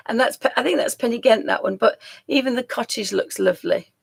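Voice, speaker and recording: Slightly high and moving at a moderate pace, the croaky-voiced streamer rambles through casual talk with her viewers, laughing frequently and drifting off mid-thought.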